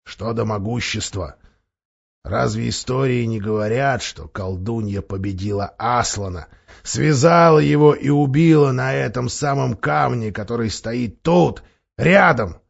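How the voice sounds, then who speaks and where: Casting: a shrill, gravelly, scheming dwarf for an audiobook, read by a man; huskiness and a dull recording. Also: measured pace. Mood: sneering. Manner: sneering, rising to shrill shouts. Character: bitter scheming male dwarf, sharp-tongued, defiant.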